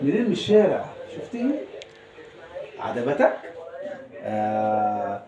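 A man's voice: on the low side, very animated, a little slow, roomy sound, crowd noise, rough recording. A man, chatting with and teasing his small son, scolding playfully and laughing often. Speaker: father.

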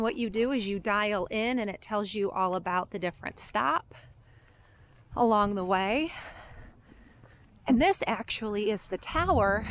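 A woman's voice: medium pitch, slight background noise. An American woman narrating a casual travel vlog in an upbeat, chatty way. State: out of breath after climbing. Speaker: travel vlogger. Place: outdoors at a battlefield park and in a tower.

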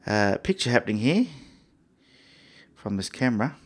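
A man's voice: on the low side, big pitch swings, moderate pace, breathy edge. A man with an Australian accent hosting a photography live stream, chatting casually and greeting viewers by name. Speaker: photography show host.

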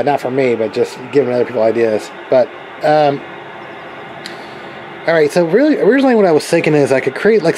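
Picked up by a home camera in his garage, with steady background noise and rough audio, an American man with a slightly high voice shows off a radio setup at the workbench. His demo is casual and meandering, and he thinks out loud in a tentative, informal way.

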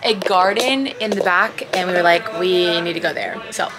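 A woman's voice: fairly low pitch, heavy background noise. A woman in her twenties chatting casually and cheerfully in a travel vlog, filmed on a handheld phone at arm's length. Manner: bubbly and upbeat, quick asides. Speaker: travel vlogger. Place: outdoors and on a holiday terrace. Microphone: handheld phone camera at arm's length.

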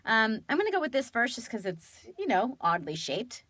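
A woman's voice: a little high, normal speed, dry recording. A woman in her thirties from California, a voice actress chatting casually and animatedly as she shows off keepsakes. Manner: animated, chatty, laughing often. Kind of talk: casual show-and-tell vlog.

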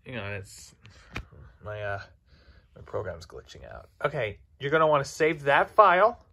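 A man talking through a software tutorial step by step, in a halting, instructional way with fillers and restarts. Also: mid-range voice, big pitch swings, creaky. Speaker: video tutorial maker.

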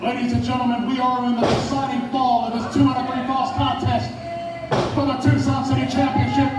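A man giving live, excitable play-by-play wrestling commentary, raising his voice to a shout at the big moments. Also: very high-pitched, brisk. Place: indoor bar venue with wrestling ring. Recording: echoey venue from far off, loud crowd and music.

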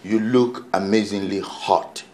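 An actor playing a teasing, flattering male family friend. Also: fairly low pitch, measured pace, slight background noise, lightly acted. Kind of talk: film acting.

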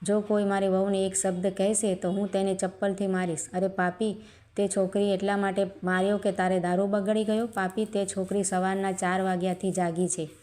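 A scolding, sharp-tongued older mother-in-law from a spoken storybook, read out by a woman in her own voice. The delivery stays level and flat, with a mellow, darker tone. She commands and rebukes rather than shouts. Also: mid-range voice, close to an everyday voice.

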